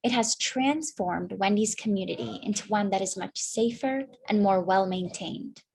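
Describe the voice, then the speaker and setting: A woman's voice: mid-range voice, normal speed, gravelly, darkish tone, slight background noise. A young woman playing a news anchor in a staged newscast, formal delivery.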